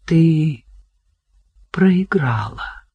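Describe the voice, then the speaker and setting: Reader doing a furious, rasping old sultan. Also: mid-range voice, animated, measured pace, no echo, muffled recording. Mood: menacing rage. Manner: menacing, rasping shouts.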